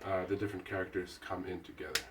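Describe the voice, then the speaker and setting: A man's voice: low voice, far from the mic, slight background noise. Man teaching, heard from afar. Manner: relaxed, halting explanation with fillers. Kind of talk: casual classroom lesson.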